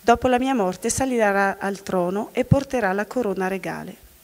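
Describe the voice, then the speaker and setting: A woman's voice: mid-range voice, moderate pace, natural voice. This is a jovial, generous old king from a fairy tale, read plainly by a woman. The voice rings with the long reverb of a hall.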